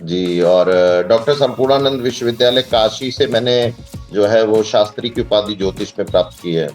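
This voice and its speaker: A man's voice: on the low side, darkish tone, soft background music. Man explaining and reciting Sanskrit verses. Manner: measured, hesitant with fillers, recites Sanskrit verses fluently. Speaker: guest, astrologer and tantra practitioner. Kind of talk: podcast interview, devotional explanation.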